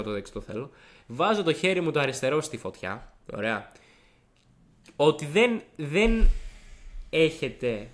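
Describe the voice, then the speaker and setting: A young man with a hoarse, gravelly voice tells a long story in a casual podcast chat. He rambles and restarts constantly, and his pitch rises and falls in a lively way. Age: young adult. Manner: animated, rambling, frequent restarts and acted-out quotes. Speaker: podcast co-host.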